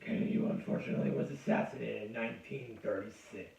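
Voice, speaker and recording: A man's voice: on the low side, fairly even intonation, fast talker, creaky, dark tone. A man giving a crude, rambling comic history lecture, cursing and interrupting himself. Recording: echoey, distant, dull lo-fi room sound.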